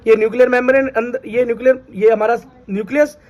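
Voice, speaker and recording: In a Hindi biology lecture with dull-sounding audio, a man speaks at a quick pace in an extremely high, steady voice. He tests his students by turning key terms into questions and addresses them as "beta."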